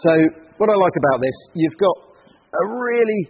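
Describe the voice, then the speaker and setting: Husky man in echoing hall. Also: high voice, lively intonation, normal speed. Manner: admiring, emphatic with repeated intensifiers. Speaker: classic car auction specialist. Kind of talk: casual car showcase chat. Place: large indoor car warehouse. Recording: muffled, echoing large hall.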